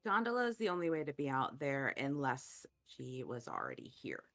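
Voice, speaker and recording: A woman's voice: rumbling low, huge pitch swings, moderate pace, creaky, fairly bright tone. A woman playing a tabletop game, thinking aloud in casual chat and trailing off mid-thought. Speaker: player.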